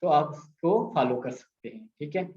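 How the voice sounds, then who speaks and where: Pakistani urdu accent guy teaching, repeats sounds slow, bit roomy and muffled. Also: fairly high pitch, darkish tone. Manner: patient, repeats sounds slowly, mixes in English. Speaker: language teacher. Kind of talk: explaining grammar with screen examples. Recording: echoey, slightly dull sound.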